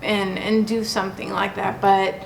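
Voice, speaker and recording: A woman of Mexican origin, a teacher, answering interview questions in a halting, earnest way. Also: mid-range voice, flat delivery, gravelly, echoey room, a little hiss or hum, low-quality recording. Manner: halting, self-correcting, earnest. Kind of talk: casual interview.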